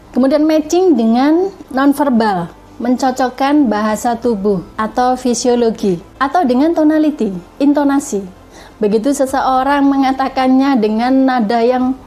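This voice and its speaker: Woman, mellow tone, slightly high voice, calm lesson, faint music behind. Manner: calm, measured explaining with spoken examples. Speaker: self-development teacher. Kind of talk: explanatory video lesson.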